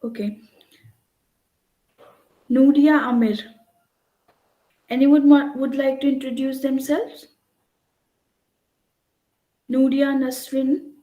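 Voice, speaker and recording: A woman with a high-sitting, dark-toned, steady voice gives an online lecture, taking it slowly with long pauses. She explains at length and checks in with "right?", recorded through a computer mic on a video call in an echoey room.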